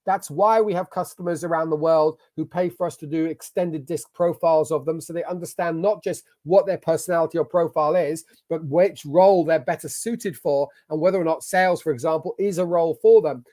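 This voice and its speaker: An English business coach gives an online masterclass from his computer while sharing his screen, speaking in an emphatic, motivational way. His mellow voice is a little high and a little fast, with hardly any pauses.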